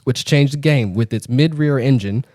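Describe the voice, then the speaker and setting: A man co-hosting a podcast, running a spelling game with teasing banter and spelling words out slowly. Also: medium pitch, mellow, no room sound, studio quality.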